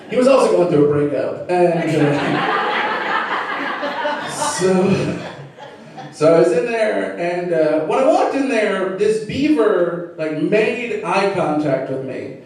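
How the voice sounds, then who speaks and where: A man doing a stand-up set, telling a story with lively acted-out voices. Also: high-pitched, a little hiss or hum. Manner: animated storytelling, acting out voices. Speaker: stand-up comedian. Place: comedy venue stage. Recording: echoey club from a distance.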